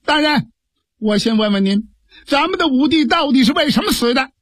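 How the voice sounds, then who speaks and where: A shrewd, fretful sworn brother from an old storytelling tale, acted by a male storyteller, voice pitched up high and pressing hard. His words come quick and insistent, earnest and pleading, the sound husky and close and dry. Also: animated, fairly bright tone, no room sound, heavily acted. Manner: raised, rapid, insistent pleading.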